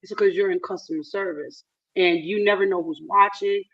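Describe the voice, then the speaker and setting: A woman's voice: mid-range voice, steady tone, fairly quick, fairly bright tone. An American woman telling personal work stories in a casual discussion, recorded with dull, lo-fi sound. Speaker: panel discussion participant. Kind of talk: casual anecdotal chat.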